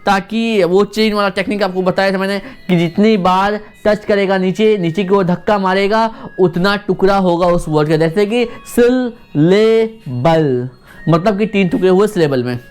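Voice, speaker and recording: A pronunciation teacher giving an online video lesson, repeating sounds many times in a slow, deliberate demonstration and coaching the viewer with questions. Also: medium pitch, fairly even intonation, clean tone, faint music behind.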